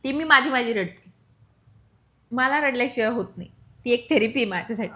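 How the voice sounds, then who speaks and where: A young woman from Maharashtra chats with her husband on their couple vlog. She talks in a lively, teasing way and laughs often. Her voice sits fairly high. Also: a little fast. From Maharashtra, India. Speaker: vlogger telling her love story. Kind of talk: casual chat.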